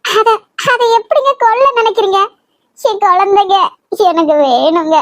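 A woman's voice: very high-pitched, animated, measured pace, no room sound, clean studio sound. A woman voicing a desperate young pregnant wife in a cartoon drama, pleading and stammering in Kanyakumari Tamil. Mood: sobbing. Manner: tearful, stammering pleas.

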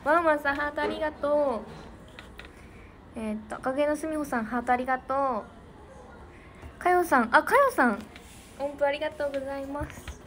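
A woman's voice: sits high, moderate pace, long pauses, fairly bright tone. A young woman with a Niigata Japanese accent chatting casually with fans on a livestream, giggly and thanking viewers by name. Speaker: idol livestreamer. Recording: noisy background.

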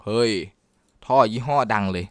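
A man giving casual, excitable commentary while playing a driving game, joking and talking to his viewers. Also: normal speed, no room sound, studio quality. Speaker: gaming YouTuber.

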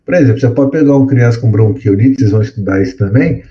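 A man's voice: medium pitch, rapid-fire, muffled recording. A man giving a medical lecture to students, explaining step by step and often checking in with tag questions. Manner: explanatory, repeats words for effect, frequent tag questions. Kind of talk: classroom lecture.

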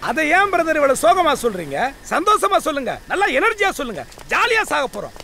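A high, whiny lovesick youth. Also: male voice, fast, a little hiss or hum, full character voice. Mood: excited. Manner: high, excitable comic whining. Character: lovesick young man planning a jolly suicide. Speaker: comic lead. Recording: film soundtrack with music.

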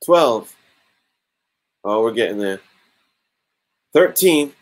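This YouTube comic channel host, a man in his thirties, chats through a casual livestream raffle from a small home room, counting entries out loud into his webcam mic. He speaks at a medium pitch, animated and stretching out his words.

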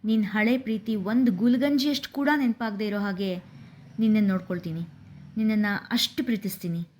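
A woman's voice: mid-range voice, fairly quick, darkish tone, a little hiss or hum, lightly acted. A woman voicing an earnest young man begging the woman he loves to stay, in a story reading. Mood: pleading. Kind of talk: storybook narration.

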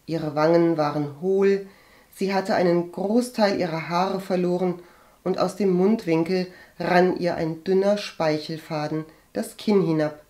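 Slow, low-voiced woman narrator. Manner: measured, even storytelling. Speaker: audiobook reader. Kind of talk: scripted narration.

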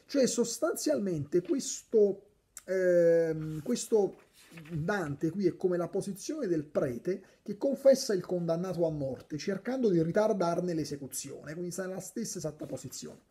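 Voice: medium pitch, animated, unhurried, dark tone. A speaker casually explaining a poem, thinking aloud with frequent restarts and now and then reciting verses. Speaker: literature explainer.

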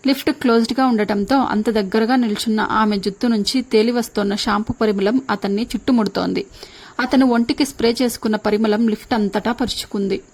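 A woman reading a novel aloud as an audiobook narrator, in steady storytelling. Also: on the high side, a little fast.

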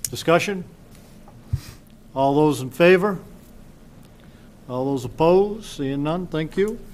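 In a council chamber, the man running the town meeting moves quickly through the agenda, reading each item into a desk mic. His voice is a little high with a darkish tone.

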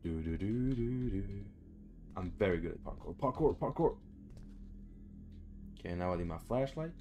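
A young man hosting a gaming video gives casual, sweary let's play commentary from a small room at home, muttering to himself as he goes. His deep voice is expressive and a little mellow at a moderate pace, with faint music behind.

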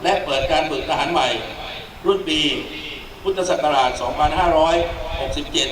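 A middle-aged man, a military officer, delivering a formal ceremonial speech phrase by phrase in a measured way. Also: fairly high pitch. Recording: very echoey, distant mic, noisy.

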